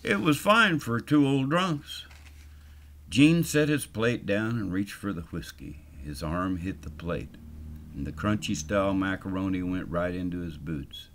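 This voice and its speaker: An older man telling a first-person story in a dry, unhurried yarn-spinning way. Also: deep voice, fairly bright tone, slight background noise.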